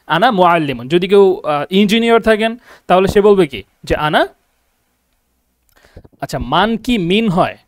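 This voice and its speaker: A young man teaching an online Arabic class, explaining slowly and often checking that students understand. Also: high voice, animated, no echo, clean studio sound. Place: lives and teaches from abroad.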